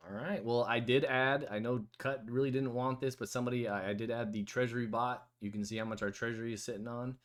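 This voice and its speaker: A man's voice: medium pitch, steady tone, fast talker, few pauses. A man hosting a casual online voice chat, talking loosely with many fillers and restarts. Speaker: host of a community AMA.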